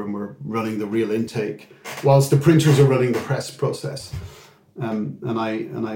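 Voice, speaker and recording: A middle-aged man from England with an Irish accent talks through his career as a guest executive in an interview, halting with frequent restarts and fillers. His mid-range voice is creaky and warm, and the room sounds echoey.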